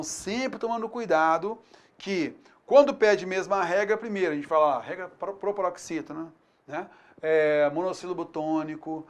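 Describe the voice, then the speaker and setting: A man with a Brazilian Portuguese accent teaching an online exam-prep grammar lesson, upbeat and energetic, stressing key words loudly. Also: high voice.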